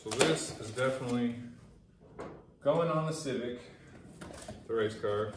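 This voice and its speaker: A man in his thirties talks through an unboxing in a chatty, excitable way, cracking jokes as he goes. His voice sits at an ordinary middle pitch. It is picked up from a few steps off by the camera, with the hard garage walls adding a roomy echo and a faint hiss underneath. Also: unhurried, recorded from a distance. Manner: chatty, excitable, jokey, thinks aloud. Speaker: car enthusiast vlogger. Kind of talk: casual unboxing commentary. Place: home garage. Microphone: camera mic from across the room.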